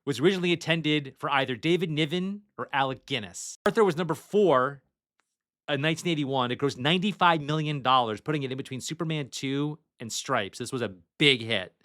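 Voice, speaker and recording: A man hosting a relaxed movie podcast, with a bright, forward tone. He chats loosely and reads off trivia from his notes. He swears casually as he goes. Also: on the high side, brisk. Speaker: podcast host.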